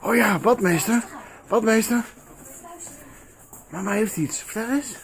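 A woman's voice: on the high side, measured pace, a little hiss or hum. A woman vlogging casually at an indoor swimming pool. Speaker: family vlogger. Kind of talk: casual vlog chat. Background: splashing water, loud pool ambience.

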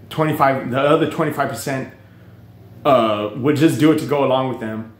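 A man's voice: on the high side, roomy sound. A man vlogging casual, rambling commentary on books and the news, full of fillers, restarts and swearing. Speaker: book reviewer vlogger.

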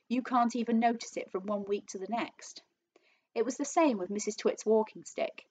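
A teacher reading a children's book aloud to her class, with expressive storytelling. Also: fairly high pitch, husky.

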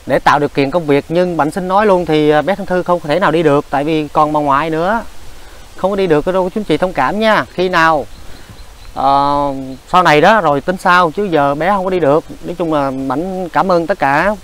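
A man's voice: fairly high pitch, a little fast, a bit bright, rough recording. A man hosting a charity vlog, talking with many hesitant fillers and polite address to viewers. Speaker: charity vlogger host. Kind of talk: casual vlog narration and chat.

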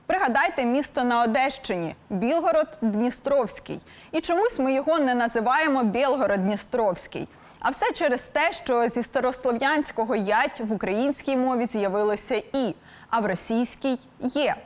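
A young woman with a Ukrainian accent presents a scripted language lesson. Her voice sits a little high, and her delivery is clear and didactic, with a lightly wry edge. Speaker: philologist presenter.

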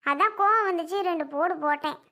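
Woman as a defensive young mother, high bright voice, sharp, argumentative, family skit. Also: brisk. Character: short-tempered young mother defending herself.

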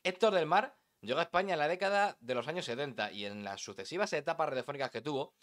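A man's voice: a little high, expressive, fast, a bit bright. A man from teaching sports narration, talking emphatically and dramatically, addressing the listener directly. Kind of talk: instructional voice-over lesson.

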